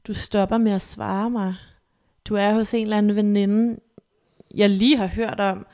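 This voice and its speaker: A woman guest on a podcast, softly retelling a painful personal story, halting and emotional. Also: medium pitch, level tone. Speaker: interview guest.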